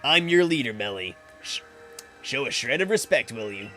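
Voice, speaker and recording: Man playing young clan leader, stern, loud, exasperated. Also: mid-range voice, expressive, normal speed, faint music behind.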